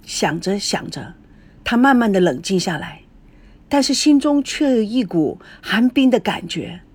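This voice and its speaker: A woman narrating a serialized audiobook in slow, measured storytelling. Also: medium pitch, lively intonation, a little mellow, breathy edge.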